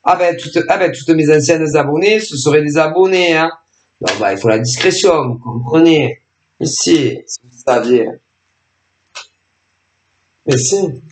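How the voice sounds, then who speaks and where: A woman's voice: low voice, measured pace, pauses often, a little mellow. A woman hosting a tarot channel, talking to her subscribers in a rambling, sarcastic monologue full of fillers and interrupted by coughs from her allergies. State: coughing, throat irritation from allergies. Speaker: tarot and oracle channel host. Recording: echoey room.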